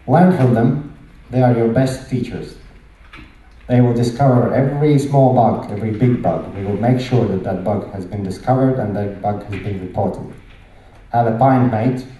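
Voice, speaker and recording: Speaking in emphatic short bursts and posing rhetorical questions, a middle-aged conference speaker from Latvia addresses a large indoor hall with a Latvian accent. His voice is fairly low and dark, picked up by a handheld mic, and the heavy echo leaves the sound distant.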